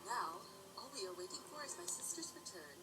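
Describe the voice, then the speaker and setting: A woman voicing a calm, gracious elder pony princess with formal, courteous speech. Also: mid-range voice, fairly quick, close to an everyday voice. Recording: distant voice under loud music.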